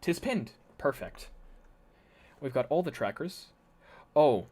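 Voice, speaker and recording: A man's voice: medium pitch, big pitch swings, slow pace, a little mellow, breathy edge. A man streaming live, chatting casually and thinking aloud as he explains his setup, his voice a little worn from talking.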